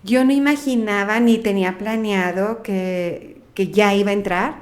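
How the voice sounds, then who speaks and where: A middle-aged woman with a Mexican accent and an ordinary female pitch is a guest in a relaxed interview. Unhurried and chatty, she thinks aloud, counts on the fly, and sometimes trips over a word.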